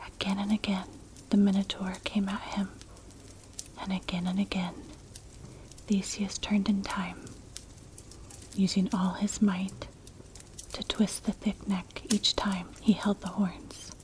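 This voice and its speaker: A woman reads a storybook tale entirely in a soft, breathy ASMR whisper. Her delivery is measured and gentle, with very little rise and fall. She is close to the microphone, with a crackling, clicking fire noise clearly behind her. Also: mid-range voice, little pitch movement. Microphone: close mic, ear-to-ear ASMR.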